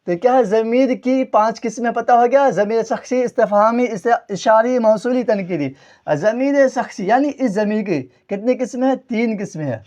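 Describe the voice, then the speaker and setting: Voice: mid-range voice, a little mellow. A grammar teacher giving a classroom lesson, repeating each point and quizzing the listeners before answering their own questions. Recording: dull lo-fi recording.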